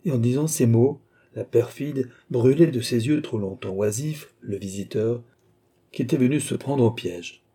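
A man narrating a classic novel as an audiobook in a steady, measured reading. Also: medium pitch, husky.

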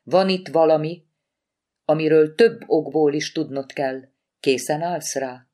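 A woman reading an audiobook voices a sharp, irritated wife who heads a medical examiner's office, with a clipped, reproachful delivery. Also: low-pitched, fairly even intonation, close to an everyday voice.

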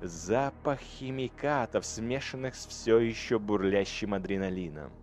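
A man's voice: on the low side, measured pace, a little mellow, slight background noise. Dramatic male audiobook narrator. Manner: dramatic, swelling on violent passages.

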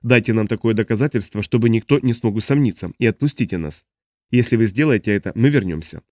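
A man's voice: lowish voice, fast, a little mellow, dry recording, studio quality, close to an everyday voice. A man voicing a stubborn, guarded traveler who refuses to give answers. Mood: defiant.

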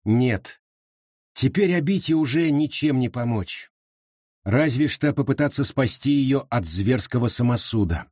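A man narrating an audiobook with a dramatic, expressive reading. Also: medium pitch, measured pace, no room sound, studio quality. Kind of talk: scripted narration.

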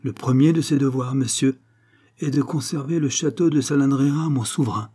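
A man's voice: medium pitch, fairly quick, warm tone, slightly rough, pitched above the performer's own voice, lightly acted. A man voicing a thirteen-year-old boy duke who speaks with firm, solemn command. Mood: coldly resolute.

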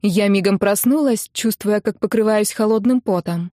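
A woman narrating a first-person novel in an even storytelling delivery as an audiobook narrator. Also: mid-range voice, normal speed, no room sound, studio quality.

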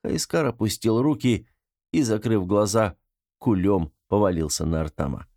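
A man narrating an audiobook with lively, expressive storytelling. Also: lowish voice, normal speed, dry recording, clean studio sound.

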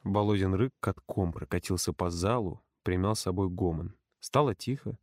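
A man narrating an audiobook in a lively, characterful way, close to the mic. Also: deep voice, moderate pace, no echo.

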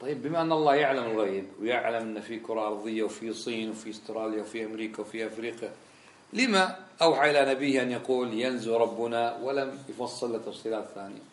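Sheikh giving a lesson, talks fast, pushes rhetorical questions, roomy echo. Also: male voice, medium pitch. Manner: emphatic, rhetorical questions, lively delivery. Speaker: Islamic scholar teaching a lesson. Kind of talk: religious lesson.

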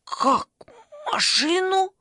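A woman's voice: extremely high pitch, expressive, very slow, pushed and bright, no echo, pitched above the performer's own voice, heavily acted. A woman voicing a flustered, complaining elderly grandmother in an audiobook, stammering and fretful, with a dry close sound. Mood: anxious. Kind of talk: audiobook character voice.

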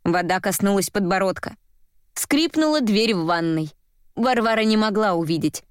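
A woman's voice: mid-range voice, animated, normal speed, clean tone, no room sound. Woman narrating an audiobook, dry sound. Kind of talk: scripted narration.

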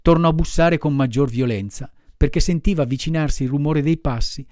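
A man's voice: fairly high pitch, a little fast, darkish tone, dry recording, clean studio sound. A man reading a classic children's story aloud with dramatic, varied delivery. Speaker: audiobook reader. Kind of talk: expressive storybook narration.

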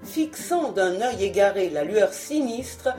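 Give me a woman narrating an audiobook with an animated, dramatic voice. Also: medium pitch, takes it slowly, soft background music. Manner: expressive dramatic reading. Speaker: audiobook reader. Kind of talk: scripted narration.

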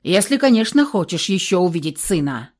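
A woman voicing a cruel, scheming husband in an audiobook, who shouts insults and then turns cold and sneering. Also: lowish voice, big pitch swings, fairly quick. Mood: menacing. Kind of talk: audiobook character reading.

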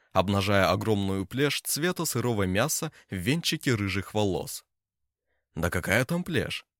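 A man narrating an audiobook with an expressive delivery. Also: fairly low pitch, dry recording, studio quality. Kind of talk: scripted narration.

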